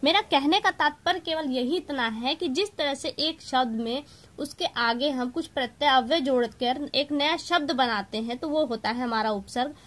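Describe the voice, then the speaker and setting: Female teacher, high voice, explanatory online lesson, reads out word lists for students. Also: fairly bright tone. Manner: explanatory, reads word lists aloud, addresses viewers as friends. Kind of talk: exam-prep grammar lesson.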